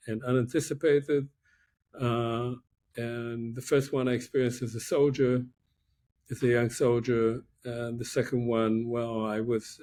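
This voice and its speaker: The interviewee is a guest professor in his sixties, originally from Israel, talking on a laptop video link from a room in his house. Measured and reflective, he pauses often, and his medium-pitched voice has a slightly mellow quality.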